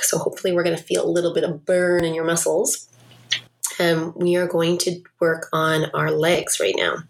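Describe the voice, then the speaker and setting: A woman's voice: lowish voice, creaky. A woman leading an exercise class as a fitness instructor, giving cues and countdowns in an encouraging way. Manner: encouraging, coaching.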